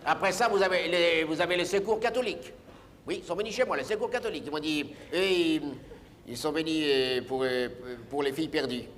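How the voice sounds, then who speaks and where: An older man performs a comic stage monologue as a comedian, rambling, grumbling, and constantly making asides to the audience. His voice is a little high, brisk, and fairly bright. The live stage recording has long reverb and faint noise.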